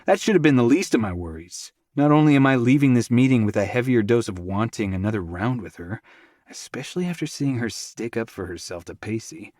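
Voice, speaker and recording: Brief: male audiobook reader, mid pitch, dry close-mic, frank and profane first-person read. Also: expressive, fairly quick, a little mellow, no echo. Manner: candid, swearing inner monologue. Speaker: audiobook narrator.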